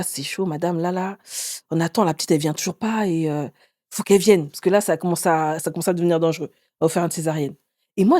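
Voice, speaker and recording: A woman in her forties, an author and interview guest, telling her own story in a lively way and acting out what others said. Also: no echo, studio quality. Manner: animated, acts out others' words with sudden pitch jumps.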